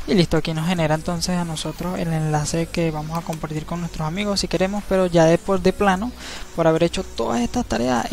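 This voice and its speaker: A man narrating a screen-recorded tutorial, explaining each step in a relaxed, easygoing way and often checking in with the viewer. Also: a little high, vocal fry. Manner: relaxed, step-by-step, frequent tag questions. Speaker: crypto channel host. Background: faint background music.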